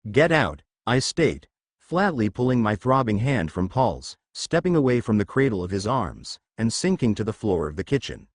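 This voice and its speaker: A man narrating a first-person fan fiction story in an expressive storytelling manner. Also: fairly low pitch, moderate pace, dry recording, studio quality.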